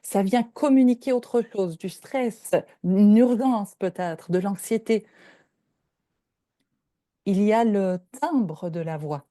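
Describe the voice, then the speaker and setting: An older Belgian woman, a professor, delivers a lecture in a mid-range voice with a dark tone and a slow pace. She explains her points step by step and checks in with her listeners often. The recording is clean studio sound with no echo.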